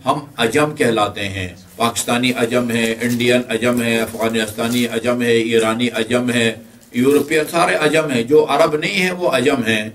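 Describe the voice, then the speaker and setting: Middle-aged male religious teacher, halting lecture delivery, mid pitch, recorded slightly off-mic. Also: fairly even intonation, a bit bright, recorded from a distance, slight background noise. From Pakistan. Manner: hesitant, many filler sounds; explains step by step. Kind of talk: Hajj training class lecture.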